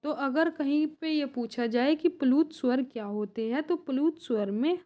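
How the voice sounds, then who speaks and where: A woman's voice: high-pitched, dark tone. A young woman teaching an exam-prep grammar lesson, who asks a question and then answers it herself. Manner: slow, repeats points as questions and answers.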